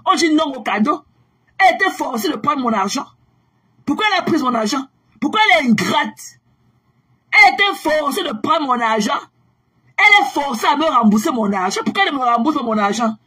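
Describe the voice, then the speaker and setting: A woman ranting angrily on her own livestream, taunting viewers with repeated mocking questions and bursts of shouting. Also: high-pitched, lively intonation, fairly quick. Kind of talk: angry livestream rant at viewers.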